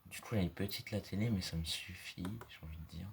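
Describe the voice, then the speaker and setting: A man with a deep, low voice talks through his gameplay in a loose, rambling way, leaning on fillers and now and then sinking into soft murmurs. Faint mouse and keyboard clicks sit behind him. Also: fast talker, gravelly, noisy background. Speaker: gaming video creator. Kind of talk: casual gameplay commentary.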